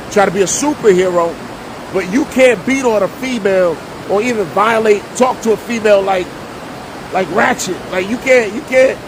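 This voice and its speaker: Middle-aged man, New street talk, higher voice, heavy background rumble. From Jersey City, New Jersey. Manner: streetwise slang, repeats himself for emphasis. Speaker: vlogger and preacher. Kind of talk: casual storytelling monologue. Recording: loud rumbling noise behind voice.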